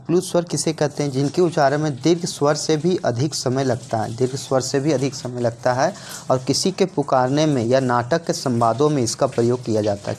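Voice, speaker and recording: A man's voice: mid-range voice, a little mellow, a little hiss or hum. A man with a Jharkhand Hindi accent teaching an exam-prep grammar lesson, repeating points and asking and answering his own questions.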